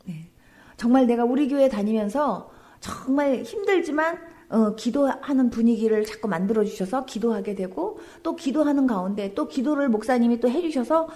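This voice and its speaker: A woman pastor delivers a testimony sermon as a guest preacher. Her voice sits a little high. She tells her story with energy, plays out the dialogue herself, and keeps turning to the congregation with emphatic questions. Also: dark tone.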